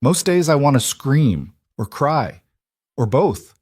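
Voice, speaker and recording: A worn-out single mother, blunt but tender, speaking softly and plainly, as a male narrator lends her a slightly raised voice. The sound is close and dry, with no room around it. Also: medium pitch, very animated, slow pace, husky, dry recording, voice pushed up, heavily acted. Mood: gentle.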